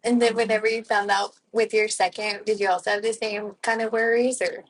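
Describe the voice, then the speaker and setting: A woman's voice: medium pitch, flat delivery, fairly quick, poor audio. A woman hosting a podcast, asking short, encouraging questions in a casual chat. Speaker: podcast host.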